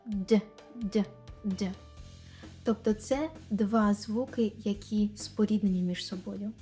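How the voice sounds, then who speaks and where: Woman teacher slowly repeating practice phrases. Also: mid-range voice, steady tone, warm tone, soft background music. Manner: slow and careful, repeating example phrases many times. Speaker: English teacher. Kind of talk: language lesson explaining pronunciation.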